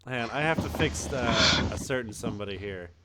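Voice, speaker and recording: A man's voice: medium pitch, expressive, crowd noise. Male podcast host, easygoing, cusses a lot, laughs easily. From Ireland. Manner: loose, swears freely, quick to laugh. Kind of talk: casual gaming podcast chat.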